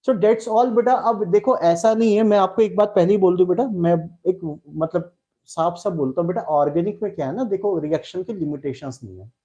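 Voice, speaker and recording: A man's voice: fairly high pitch, dark tone, lo-fi sound. A man with an Indian accent teaching a live online chemistry class, coaxing his students and repeating key words.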